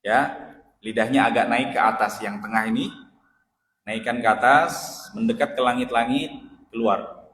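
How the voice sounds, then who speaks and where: A male ustadz teaching Quran recitation in a mosque study session, patiently correcting pronunciation and chanting Arabic phrases slowly. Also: mid-range voice, fairly even intonation, a bit bright, a little hiss or hum. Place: mosque hall. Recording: echoey mosque hall, roomy reverb.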